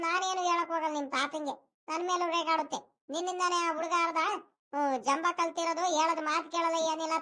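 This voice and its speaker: A voice actor playing a fussing village grandmother in an animated cartoon, talking in coaxing rural speech. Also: very high voice.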